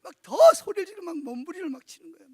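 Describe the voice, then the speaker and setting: A middle-aged male pastor preaching a sermon at a church conference, telling stories in an animated way and often asking the congregation rhetorical questions. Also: extremely high pitch, racing, no echo, clean studio sound.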